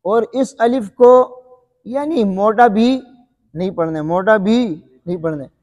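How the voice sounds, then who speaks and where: A man with a high voice teaches Quran recitation. He quizzes the listener and drills each letter sound aloud, over and over. His voice rings with a long, hall-like reverb. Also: a little mellow.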